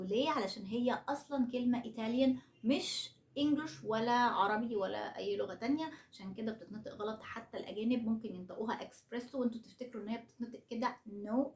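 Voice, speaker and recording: A woman's voice: a little high, a little mellow, roomy sound. A woman speaking with an Egyptian Arabic accent, giving a casual online English lesson in a chatty way, asking rhetorical questions and checking in with frequent okays. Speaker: English teacher.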